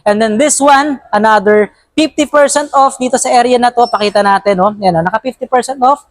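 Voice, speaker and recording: A woman's voice: fairly high pitch, brisk, dry recording. Upbeat Filipino woman touring a store. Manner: upbeat, chatty, frequent tag questions. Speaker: vlogger touring a store sale. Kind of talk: walk-through shopping vlog. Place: large indoor warehouse store.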